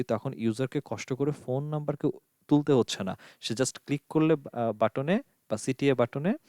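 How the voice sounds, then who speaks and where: A man with a mid-range, darkish voice teaches an online course as a screen-share tutorial, explaining the on-screen steps one by one. He asks himself rhetorical questions as he goes and mixes in English. The recording is dry, with clean studio sound.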